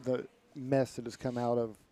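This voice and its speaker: A man's voice: medium pitch, little pitch movement, moderate pace, dark tone. A man hosting a sports radio show, asking friendly, conversational questions. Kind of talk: radio interview.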